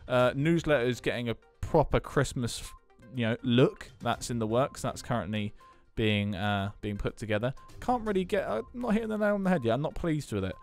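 Casting: male podcast co-host, chatty and joking, average pitch, faint music underneath. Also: normal speed, hardly any pauses. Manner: chatty, self-deprecating, jokey asides. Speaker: podcast co-host, school tech staff. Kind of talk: casual podcast chat.

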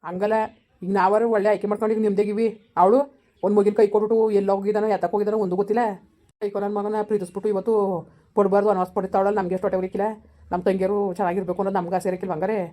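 Woman acting as a resentful elder brother, very rapid, dark voice. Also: mid-range voice, level tone, lightly acted. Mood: scolding. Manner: scolding, blunt. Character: stern, resentful elder brother, grudgingly helpful. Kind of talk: amateur village drama.

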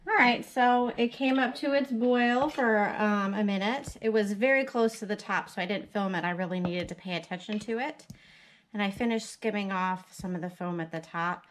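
A woman's voice: mid-range voice, slight background noise, low-quality recording. Chatty woman walking through a home recipe. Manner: chatty and practical, thinking aloud with fillers. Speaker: home cook and homesteading vlogger. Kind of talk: casual how-to narration while cooking. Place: home kitchen, indoors. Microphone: camera mounted above the stove and counter.

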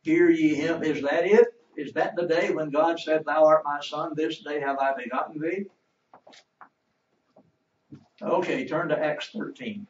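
A man's voice: fairly high pitch, moderate pace, few pauses, slight background noise. A man teaching a Bible class, quoting scripture and asking the class questions. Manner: asks the class questions and waits for answers. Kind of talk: interactive Bible lesson. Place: church classroom. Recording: roomy, distant, dull church recording.

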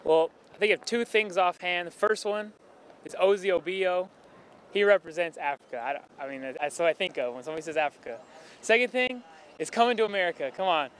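A man's voice: high voice, fairly quick, fairly bright tone, poor audio. A young man answering casually in a street interview outdoors on a campus, on a handheld mic. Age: young adult. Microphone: handheld interview microphone. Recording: faint outdoor street noise.

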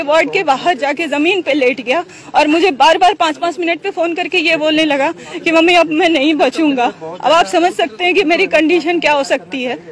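A middle-aged woman speaks in a high, tight voice. She pleads and recounts her distress at length to a reporter outside a hospital. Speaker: mother of a hospitalized patient. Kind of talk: emotional on-street news interview.

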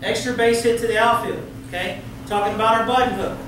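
Brisk and very high-voiced, with fairly even intonation, a middle-aged Texan presenter gives an umpire training lecture in a large meeting room, coaching, quizzing listeners and joking folksily. Noise fills the background, and a distant room camera, no mic visible, captures it all in heavy echo.

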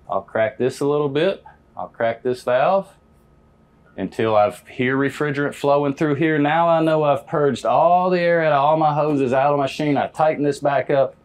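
An American man with a middle-pitched voice, an experienced HVAC technician instructor, teaches a hands-on demonstration step by step in an indoor parts warehouse. His manner is folksy, plain-spoken, casual and practical, recorded on a lapel mic.

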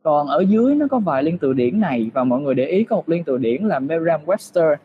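Male English teacher, fairly high voice, patient step-by-step tutorial delivery, muffled desk-mic sound. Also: sing-song, fast, a little hiss or hum. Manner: patient, explaining step by step with rhetorical questions. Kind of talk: screen-share tutorial lesson.

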